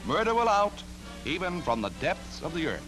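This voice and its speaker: A rough recording captures an American man reading a scripted 1940s newsreel from an archival soundtrack. His voice sits high and has a sing-song lilt at a normal pace, and his delivery is dramatic and declamatory over loud orchestral newsreel music.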